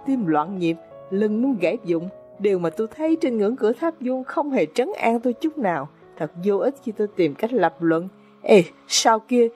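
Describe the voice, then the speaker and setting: A woman's voice: fairly high pitch, a little mellow, no room sound. A woman narrating an audiobook in a dramatic, suspenseful storytelling manner.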